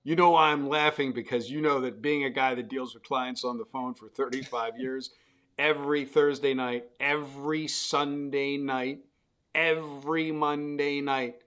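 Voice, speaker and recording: A man's voice: mid-range voice, fairly even intonation, a little slow, fairly bright tone, clean tone. A middle-aged man hosting a casual betting chat, rambling and restarting his questions as he talks. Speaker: host. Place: Las Vegas.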